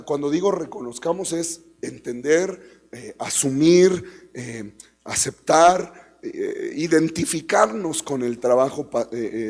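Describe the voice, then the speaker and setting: A man's voice: on the high side, mellow, husky. A man with a Mexican accent preaching a teaching sermon as pastor, emphatic and conversational, repeating key phrases and asking the congregation rhetorical questions. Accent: Mexican Spanish. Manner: conversational, addresses listeners as brother.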